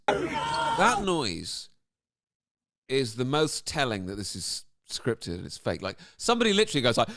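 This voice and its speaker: Sarcastic brit guy ranting over a clip, bouncy animated delivery, fairly high pitch. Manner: sarcastic, incredulous rhetorical questioning. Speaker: comedian. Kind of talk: comedic commentary on a video.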